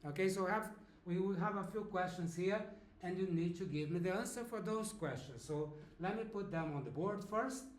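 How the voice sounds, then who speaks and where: A man teaching a beginners' language lesson, speaking slowly and clearly and checking in with the learner often. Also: sits high, echoey room, slight background noise. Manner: slow, clear teaching with frequent check-ins.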